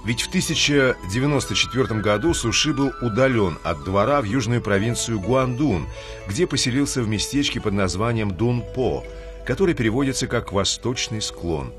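A man hosting a scripted radio language lesson, reading in an even, measured way. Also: medium pitch, music in the background.

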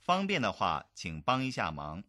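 A voice reading lesson phrases aloud slowly for learners to repeat. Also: low-pitched, wildly swooping pitch, bright, forceful tone, dry recording, studio quality. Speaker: model reader of phrases. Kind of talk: slow drill repetition.

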